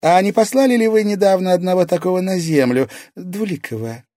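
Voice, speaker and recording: Man doing a sly shadow lady, calm and pointed, way higher voice, audiobook villainess. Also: a little fast, no room sound, studio quality, natural voice. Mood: cool. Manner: calm, needling.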